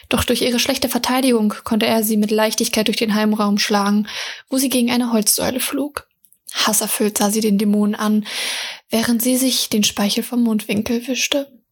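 A woman reading her own fantasy story aloud in a soft, measured way. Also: fairly high pitch, breathy edge. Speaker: author and reader.

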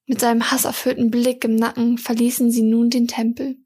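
Breathy woman reading a fantasy story, high-ish voice, pretty flat and steady. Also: fairly quick. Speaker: audiobook reader.

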